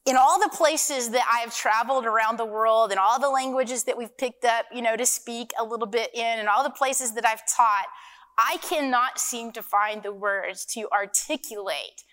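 A woman's voice: fairly high pitch, moderate pace, fairly bright tone. A middle-aged woman with an Arkansas accent giving a chatty, folksy, informal talk to an audience at a conference. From Arkansas, United States. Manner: chatty, folksy, frequent rhetorical asides. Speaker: conference speaker. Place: conference hall. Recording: long hall reverb from live event.

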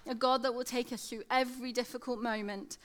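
A woman's voice: a little high, fairly even intonation, a little fast. A woman in her thirties with a lateral lisp that turns s sounds slushy, giving a devotional talk. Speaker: secondary school teacher giving a devotional talk. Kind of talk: sermon, devotional talk with scripture reading.

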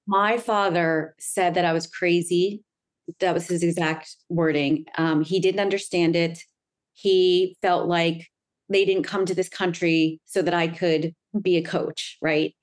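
A woman's voice: fairly low pitch, steady tone, unhurried. A middle-aged woman from the United States, a guest coach, speaking earnestly and fluently in a conversational interview, often checking in with "right?". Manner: earnest, fluent storytelling with frequent "right?" tags.

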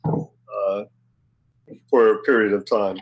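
A man playing a tabletop game, talking hesitantly with many pauses and fillers. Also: lowish voice, fairly even intonation, lo-fi sound. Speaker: player. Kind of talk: casual game play.

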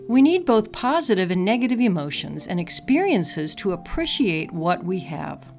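A woman narrating a guided meditation in a soft, calm, soothing manner. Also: mid-range voice. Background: music.

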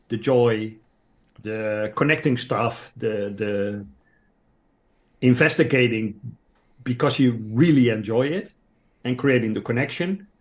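A man from the Netherlands, a native Dutch speaker, talking English in a reflective casual chat, thinking aloud in halting pieces. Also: mid-range voice.

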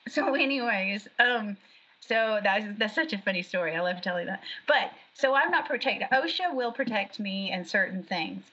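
A woman, an actress and background artist, chatting in an interview in an animated way with quick restarts. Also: mid-range voice, slightly rough. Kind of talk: casual interview chat. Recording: dull lo-fi audio.

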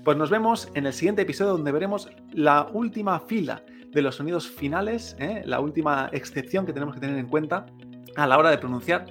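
A man from teaching Chinese pronunciation. He is patient, repeats sounds slowly and keeps checking in with "¿eh?". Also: a little high, a bit bright, faint music behind. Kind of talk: pronunciation lesson.

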